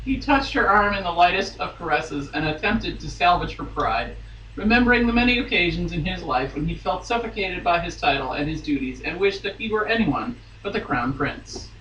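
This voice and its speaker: A high, sharp male voice with lively intonation reads at normal speed, performing a romance novel with theatrical drama. He's a guest reader on a podcast and slips into amused asides. The audio is roomy and faintly noisy, recorded from a distant mic.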